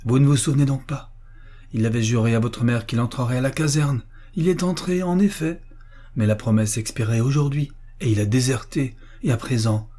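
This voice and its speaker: A man's voice: mid-range voice, normal speed, mellow, close to an everyday voice. A man reading an audiobook, voicing a young officer who solemnly explains a painful duty. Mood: grim. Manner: tense, solemn. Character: young army officer, grim and torn.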